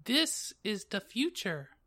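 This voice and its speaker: A man doing a high-voiced moody goth teen girl. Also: big pitch swings, takes it slowly, pushed and bright, full character voice. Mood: dramatic. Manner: high exaggerated girlish put-on voice. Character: gothic teenage girl narrator, dramatic and moody.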